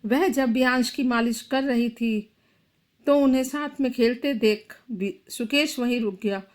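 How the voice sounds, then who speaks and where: A woman's voice: fairly high pitch, unhurried. A woman telling a moral story for a storytelling channel in an emotive, dramatic way. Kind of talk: scripted story narration.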